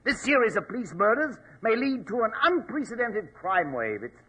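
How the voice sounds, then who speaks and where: An actor in a 1940s radio drama playing an agitated, pompous police inspector with a nervous, oratorical delivery. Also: male voice, high-pitched, big pitch swings, normal speed, pushed and bright, breathy edge, exaggerated voice. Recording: dull, lo-fi old radio recording.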